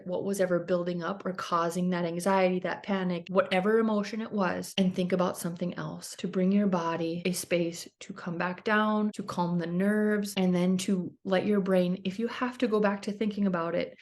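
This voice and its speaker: A woman hosting a wellness vlog, talking casually and reassuringly as she explains a grounding exercise step by step, with informal asides. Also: mid-range voice. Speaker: wellness channel host. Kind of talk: casual instructional talk to camera, guiding a grounding exercise.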